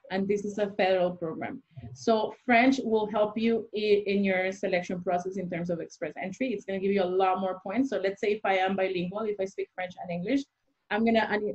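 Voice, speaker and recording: Her voice is medium-pitched with a darkish tone: a young adult immigration consultant being interviewed on a video call from a small room. She walks through the rules step by step using worked examples, and the webcam mic yields dull, lo-fi sound.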